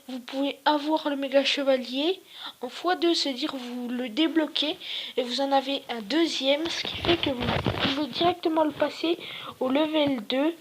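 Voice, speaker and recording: High voiced youngster-style gamer chatting casually, sore throat, kinda rambling and unsure. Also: moderate pace, noisy background. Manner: hesitant, rambling. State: sore throat, slightly ill. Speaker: video creator, host. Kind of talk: casual gaming commentary.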